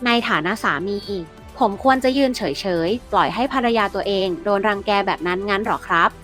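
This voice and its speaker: Brief: woman voicing young male soldier, cold, level, firm, mid pitch. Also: moderate pace, faint music behind, close to an everyday voice. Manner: calm, steady and pressing. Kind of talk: audiobook character reading.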